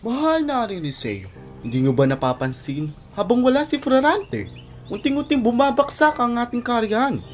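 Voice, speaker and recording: An actor playing a scheming, envious count in a theatrical, menacing old radio drama style. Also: male voice, very high-pitched, sing-song, normal speed, slight background noise. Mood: sly insinuation. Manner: theatrical, mock-innocent, menacing. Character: scheming, envious young male count, gloating villain.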